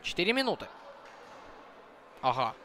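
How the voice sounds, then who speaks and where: A man's voice: a little high, sing-song, normal speed, pushed and bright, slight background noise. A man commentating a hockey broadcast live, talking conversationally to viewers and thinking aloud.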